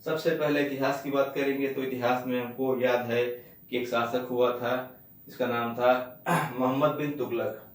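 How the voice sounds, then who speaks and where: Male teacher, mid-pitched voice, lecturing in a reverberant room with a distant mic, repeats key points as questions. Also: fairly even intonation, moderate pace. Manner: repeats key words, asks and answers own questions. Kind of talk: exam-prep lecture.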